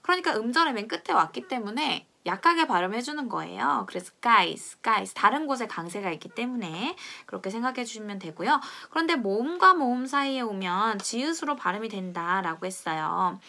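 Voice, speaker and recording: A young woman teaching pronunciation in a friendly video lesson, explaining patiently and drilling sounds slowly for viewers to repeat. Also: a little high, animated, gravelly, pushed and bright. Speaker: language teacher.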